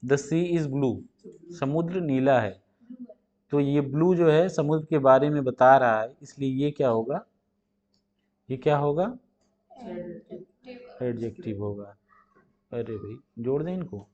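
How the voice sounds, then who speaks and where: A male teacher going through multiple-choice questions, reading the English slowly and explaining it in Hindi with rhetorical questions. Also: mid-range voice, a little mellow, highs cut off. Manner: asks rhetorical questions and answers them. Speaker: ITI teacher.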